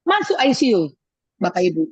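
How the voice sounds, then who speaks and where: Lively husky middle-aged woman telling testimony. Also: medium pitch, normal speed, no room sound. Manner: animated storytelling, acting out quoted voices. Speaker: guest giving testimony. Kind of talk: personal faith testimony. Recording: dull lo-fi sound.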